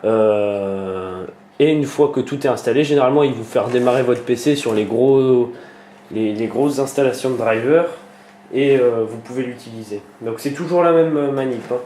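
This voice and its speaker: A tutorial maker records his screen for a computer tutorial, speaking at a moderate pace in a mellow, dark, middle-pitched voice. He's hesitant, with many fillers and restarts. The room echoes, and a faint hiss runs underneath.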